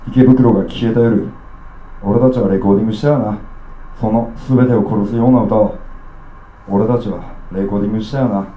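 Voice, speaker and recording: A man from Okayama performing his own poetry live, with rough, streetwise declamation. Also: lowish voice, steady tone, fairly quick, reverberant, dull audio, a little hiss or hum. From Okayama, Japan. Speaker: spoken-word poet. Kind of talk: live spoken-word poetry reading.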